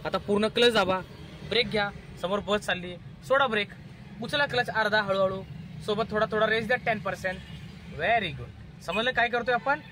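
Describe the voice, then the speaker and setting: A man giving a driving lesson from the passenger seat, calling out brisk step-by-step commands. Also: high voice, sharp tone, a little hiss or hum. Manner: instructive, repeats steps, brisk commands. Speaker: driving instructor. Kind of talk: in-car driving lesson vlog. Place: inside a car in city traffic.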